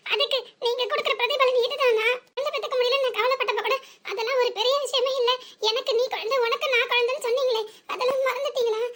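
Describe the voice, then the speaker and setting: A woman's voice: extremely high pitch, fairly bright tone. A woman voicing a hurt young cartoon wife who reproaches her husband, with a southern Tamil accent. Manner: emotional, reproachful. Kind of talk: cartoon voice acting.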